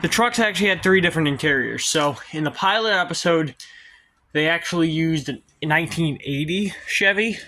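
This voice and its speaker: A man talks his way through a workshop project in his home garage. His voice is bright and forceful, pitched a little high. He rambles and hesitates, filling gaps with ums. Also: a little fast. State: out of breath at times. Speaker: garage vlogger. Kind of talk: casual workshop vlog.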